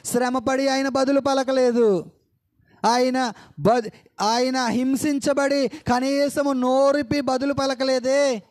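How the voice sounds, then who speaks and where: A man's voice: very high voice, fairly even intonation, slow, darkish tone. A male pastor preaching a fervent sermon, calling out hallelujahs and voicing prayers. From India.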